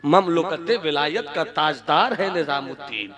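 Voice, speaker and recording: Casting: male preacher, fairly high voice, dramatic storytelling sermon, live crowd behind. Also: measured pace. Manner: dramatic, swinging from hushed to loud. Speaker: Islamic preacher.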